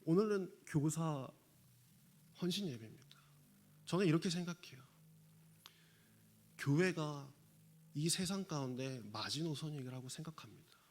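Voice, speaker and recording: A middle-aged male pastor delivers a sermon in a rather high, light voice. He tells stories in an easy, conversational way with fillers, then builds to earnest, raised emphasis. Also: unhurried, long pauses, a little mellow.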